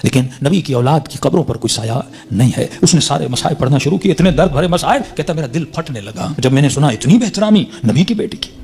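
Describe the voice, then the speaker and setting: A man's voice: on the high side, expressive, few pauses, a little mellow. A man preaching, telling a religious story as a sermon in a dramatic way, his voice swelling on the emotional peaks.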